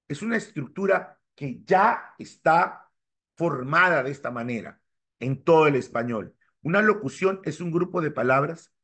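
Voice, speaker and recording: A man's voice: a bit bright, husky. Emphatic male grammar teacher. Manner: keeps quizzing students with quick rhetorical questions; emphatic, jumps up in pitch to stress key terms. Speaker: language teacher. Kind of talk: exam-prep grammar lecture.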